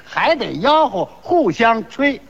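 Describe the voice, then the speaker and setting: A man's voice: very high-pitched, big pitch swings, slow, fairly bright tone. A man performing comic crosstalk, firing back teasing retorts and sing-song vendor cries. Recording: dull lo-fi recording.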